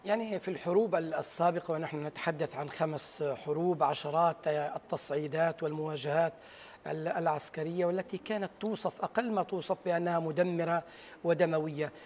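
A man in his forties with a Palestinian accent, giving a serious interview account as a journalist, often halting to search for words. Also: fairly high pitch, steady tone, darkish tone, a little hiss or hum. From Gaza. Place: large TV news studio. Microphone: lapel.

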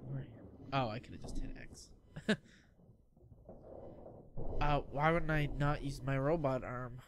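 A man's voice: medium pitch, measured pace, noisy background. Young man laughing through gameplay. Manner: chatty, reactive, keeps saying "oh man" and laughing. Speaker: gaming commentator. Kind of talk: casual let's-play commentary.

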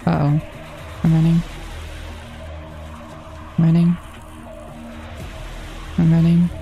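A woman's voice: sits low, monotone, slow, dark tone. A woman commenting on her horror game playthrough, jittery and repeating panicked phrases to herself. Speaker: gaming channel host. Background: faint background music.

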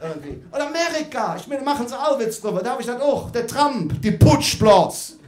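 A man with a Cologne accent performs stand-up comedy in front of a live audience. His voice sits high and leaps around with big swings, and he keeps tagging "ne?" onto his lines. The room around him rings with a roomy echo. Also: big pitch swings, brisk, a little mellow. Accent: Cologne (Kölsch). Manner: chatty, keeps adding "ne?", laughs along. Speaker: comedian on stage.

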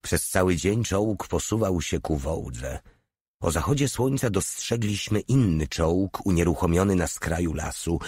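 Low husky guy reading an audiobook, steady and measured, dry close sound. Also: no echo. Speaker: audiobook narrator. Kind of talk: audiobook narration.

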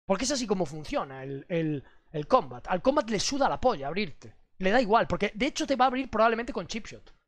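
A young man from streaming casually, crude and animated, swearing constantly as he talks to his chat. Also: high voice, a little fast, no room sound.

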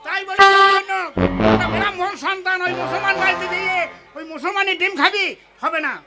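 A man's voice: very high voice, very animated, brisk, a faint crowd, full character voice. Man playing a strict Brahmin father. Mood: furious. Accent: Murshidabad rural Bengali. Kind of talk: folk comic stage play. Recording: live stage over loud music. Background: loud music.

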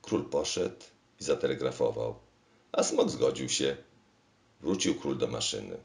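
A man reading a storybook aloud in a deliberate, expressive manner. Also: rumbling low, creaky. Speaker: narrator. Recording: roomy echo.

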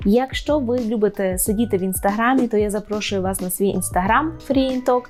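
A woman words in a lesson. She explains patiently, keeps checking with a quick question, and says the example words slowly and clearly. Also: mid-range voice, a little mellow, faint music behind. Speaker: Polish language teacher. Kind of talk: online language lesson.

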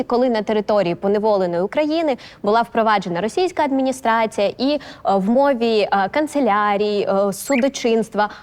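A woman language expert giving measured, instructive explanations. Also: a little high, darkish tone. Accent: Ukrainian. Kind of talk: explanatory commentary. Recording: studio with long reverb.

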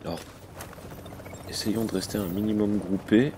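Speaking at a normal speed, a low-voiced French man who hosts a gaming channel narrates a game in casual, informal let's-play style. His delivery is friendly and easygoing despite frequent hesitations, and a slight hiss runs under the mic audio.

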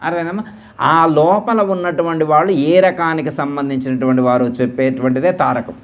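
At a temple gathering, a man serving as spiritual teacher gives a devotional discourse in a slightly high, steady voice. Speaking slowly, he repeats words and puts questions to his audience to make sure they follow.

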